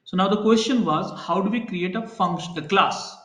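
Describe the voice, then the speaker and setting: A man's voice: sits high, moderate pace, a bit bright, echoey room. A man teaching a live programming class, explaining concepts with everyday examples and checking in with students. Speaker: programming instructor. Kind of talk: live online class lecture.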